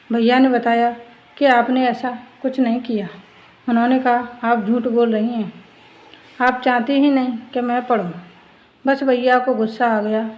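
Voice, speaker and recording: A tearful schoolboy begging for help, pleading and choked up, in a family storybook tale, as a woman narrator puts him on, on a fairly high pitch. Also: a little mellow, lightly acted, low-quality recording.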